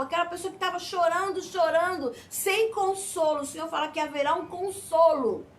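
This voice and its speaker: A woman's voice: high voice, fairly bright tone, a little hiss or hum. A Brazilian woman preaching a fervent sermon, often calling out "Amém?" to her listeners. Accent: Brazilian Portuguese.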